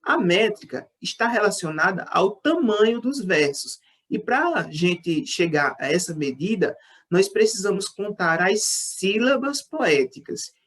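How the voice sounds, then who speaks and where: A woman's voice: medium pitch, lively intonation, a little slow, husky. A woman teacher with a Brazilian Portuguese accent, patiently explaining a lesson and counting syllables aloud. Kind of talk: online class lesson.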